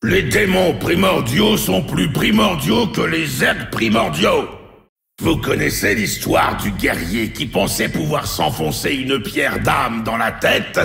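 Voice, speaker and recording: An actor playing a cruel, mocking male demon lord in a video game, with a deep gravelly growl and a slow, menacing, taunting delivery. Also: expressive, a bit bright, soft background music, full character voice. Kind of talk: French video game dub voice lines. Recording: roomy game audio with echo.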